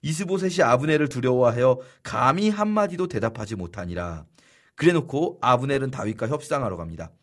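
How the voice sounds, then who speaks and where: A man teaching a Bible study lesson in a lively storytelling way, acting out the figures' lines. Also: mid-range voice, fairly quick.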